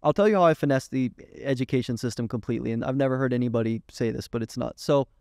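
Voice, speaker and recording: Young male guest, lively storyteller, casual and profane, dry close sound. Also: medium pitch, fast, gravelly, no room sound. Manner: animated, swearing, quoting others in dialogue. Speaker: guest, agency owner.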